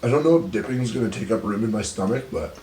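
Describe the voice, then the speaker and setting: A man's voice: lowish voice, fast, mellow, a little hiss or hum. A man vlogger speaking tersely with his mouth full during an eating challenge. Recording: echoey room, mic at a distance.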